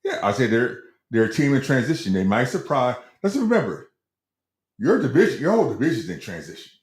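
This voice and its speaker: A man's voice: medium pitch, sing-song, fairly quick, a little mellow. A middle-aged man co-hosting a casual sports talk show, hedging and stumbling over repeated words as he tells stories. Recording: roomy echo.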